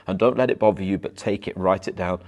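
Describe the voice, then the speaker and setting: Male hypnotherapist, low-pitched, fast and slightly stumbling self-help delivery to camera. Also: darkish tone, dull audio. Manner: rushes his words, occasional stumbles and repeats. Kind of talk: motivational advice monologue to camera.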